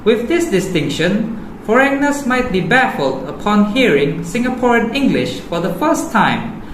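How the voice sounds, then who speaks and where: A man's voice: high voice, very animated, unhurried, a bit bright. A man reading out a formal, scripted presentation as a student presenter. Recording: roomy echo, faint background noise.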